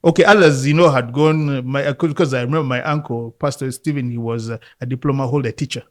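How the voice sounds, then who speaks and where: Speaking fast at a medium pitch, a man in his fifties from Uganda recounts his life as a football coach during a relaxed interview. A native Luganda speaker, he reflects thoughtfully and laughs frequently.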